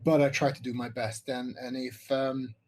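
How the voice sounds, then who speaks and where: A man's voice: medium pitch, little pitch movement, normal speed, darkish tone. A middle-aged man from Hungary giving an online workshop presentation on visual effects, rambling with many fillers and restarts over a computer mic.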